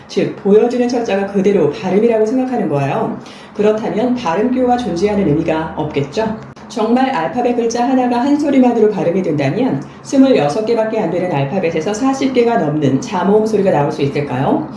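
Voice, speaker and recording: A woman's voice: mid-range voice, expressive, a little fast, dark tone. A woman teaching English pronunciation in a friendly scripted lesson, speaking directly to her viewers. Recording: echoey room with faint background noise.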